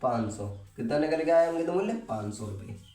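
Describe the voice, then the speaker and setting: A man's voice: on the high side, very animated, a little fast, mellow. A man teaching maths in a casual classroom style, talking students through each step and answering his own questions. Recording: roomy, mic at a distance.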